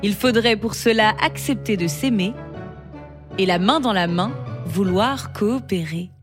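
A woman narrating a children's story in an expressive, melodic reading. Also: mid-range voice, measured pace. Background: background music.

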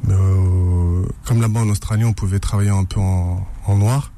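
A man's voice: low-pitched, fairly even intonation, normal speed, dark tone, a little hiss or hum. A man from France, a guest author in a radio interview, speaking hesitantly with many fillers and restarts.

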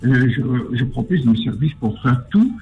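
A man's voice: medium pitch, lively intonation, measured pace, creaky. A man calling into a radio show, stammering and repeating his words in an insistent way. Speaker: caller. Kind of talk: phone-in chat. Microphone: phone. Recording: tinny phone line.

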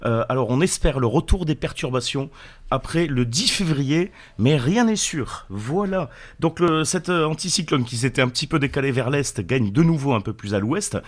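A man's voice: medium pitch, expressive. A man delivers a radio weather forecast from the studio in a mid-range, unremarkable voice. He keeps it chatty and jokey, and stumbles over the odd word with small fillers. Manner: chatty, joking, slightly halting with fillers.

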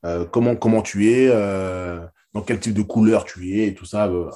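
A former basketball player and interview guest, telling anecdotes in a loose, slangy, emphatic way with many repeated words. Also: male voice, on the low side, steady tone, normal speed, dark tone. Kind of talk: casual storytelling.

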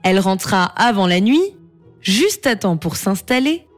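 A woman narrating a children's story in a slow, expressive reading voice. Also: mid-range voice, faint music behind.

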